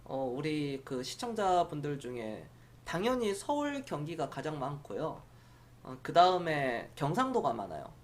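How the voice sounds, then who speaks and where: A man's voice: a little high, sing-song, unhurried. A middle-aged man from Jeolla province, chatting casually on a stock-market live stream, rambling and answering viewers' comments aloud. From Jeolla province, South Korea.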